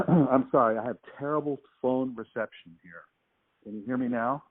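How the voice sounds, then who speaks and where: An artist takes a phone call, sounding laid-back and hesitant as the patchy line keeps cutting out. His medium-pitched voice comes at a moderate pace over the phone, with a little hiss or hum.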